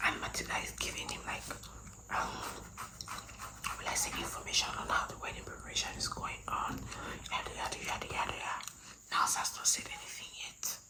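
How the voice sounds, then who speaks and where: A woman whispering gossipy ASMR stories in an informal, animated way, breathy and almost without voice, often repeating words and phrases. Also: brisk, rough recording. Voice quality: breathy, mostly unvoiced whisper. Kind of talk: whispered ASMR storytelling, gossipy retelling of a show.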